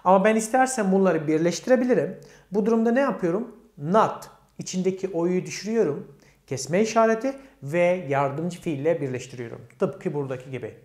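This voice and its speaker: A man's voice: high-pitched, brisk, darkish tone. Turkish-accented man teaching in an echoey room. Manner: asks questions and answers them himself. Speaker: English teacher. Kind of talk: explaining grammar step by step.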